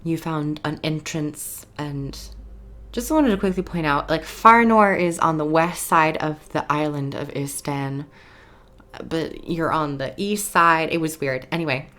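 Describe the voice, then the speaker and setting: A woman's voice: low-pitched, measured pace, a bit bright. A woman casually and enthusiastically recapping a video game story as a reviewer, rambling a little and sounding tired.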